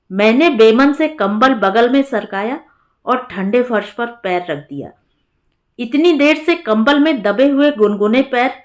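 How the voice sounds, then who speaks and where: A woman with a slightly high voice reading a story. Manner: calm, reflective first-person telling. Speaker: story narrator. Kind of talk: storybook narration.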